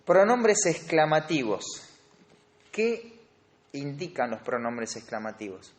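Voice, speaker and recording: A man's voice: on the high side, very animated, slow. A man with a Rioplatense Spanish accent teaching a Bible study class on grammar, explaining step by step and quizzing his students. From Argentina. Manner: explanatory, asks the class questions.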